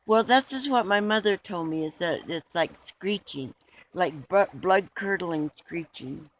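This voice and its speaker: A man's voice: high-pitched, measured pace, a bit bright, rough recording. A man being interviewed in a mock documentary, talking in an earnest, rambling way with restarts.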